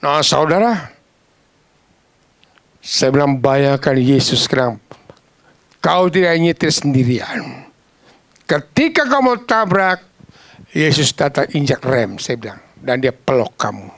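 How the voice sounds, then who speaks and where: A man preaching a sermon, telling stories in a lively, casual, slangy way and acting out the voices of the people in them. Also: mid-range voice, slow pace, pauses often, dry recording. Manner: animated, acts out quoted voices.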